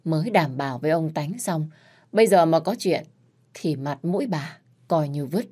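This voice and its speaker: A woman's voice: sits low, animated, normal speed, breathy edge. A woman doing a fierce scolding matron. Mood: angry. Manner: sharp, scolding. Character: fierce middle-aged mother of the household.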